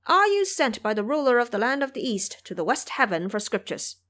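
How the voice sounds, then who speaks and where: A woman voicing an excitable, pleading male monkey demigod with a boastful, eager manner in an audio drama. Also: on the high side, a little fast, pitched above the performer's own voice. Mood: impatient, eager. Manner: frantic, eager, yelling.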